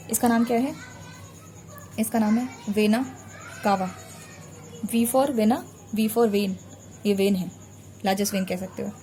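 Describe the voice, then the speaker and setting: Warm and fairly high-pitched, this teacher's voice carries slight background noise as she draws a diagram on a board. Her biology revision lesson is patient, repeating terms so students remember the memory tricks.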